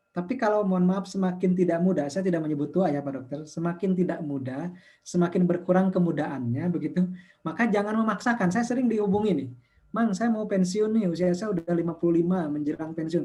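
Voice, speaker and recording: A man in his fifties speaks in a fairly high but mellow voice. He walks through figures step by step in a talk-show conversation, often slipping into livelier voices to quote the people who ask him questions. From Indonesia. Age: 50s. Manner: explaining with numbers, quotes callers in lively voices. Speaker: investment community founder.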